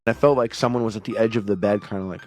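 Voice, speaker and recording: A man's voice: on the low side, fairly even intonation, racing, over music. A young man telling a story in a casual, rambling way, full of "like" fillers. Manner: loose, rambling, many "like" fillers. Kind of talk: casual spoken anecdote.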